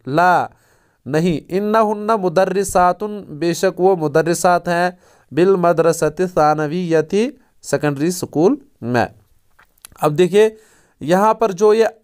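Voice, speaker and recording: A man teaching an Arabic textbook lesson, reading Arabic sentences slowly and then explaining each one. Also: fairly high pitch, darkish tone, clean tone.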